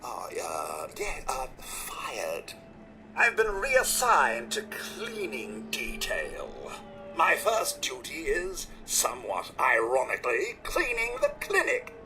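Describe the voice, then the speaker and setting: A man voicing a pompous, smooth-talking male robot servant in a video game, with an overly polished, self-satisfied delivery. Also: medium pitch, wildly swooping pitch, slow pace, over music, exaggerated voice. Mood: theatrical. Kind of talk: video game character dialogue.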